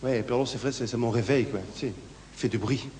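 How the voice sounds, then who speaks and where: A man's voice: fairly even intonation, quick pace, dark tone. A man with a Brussels French accent performing a nervous, rambling one-man stage monologue, full of local fillers and sudden put-on voices. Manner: acts out other voices in higher pitch. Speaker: stand-up performer. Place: theatre stage. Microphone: handheld stage mic. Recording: long hall reverb, faint room noise.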